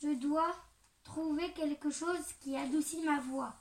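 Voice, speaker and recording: A woman's voice: high voice, steady tone, unhurried, far from the mic. A woman voicing a sly, hungry male wolf in a storybook reading, growling and scheming. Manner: growling, then whining when pleading.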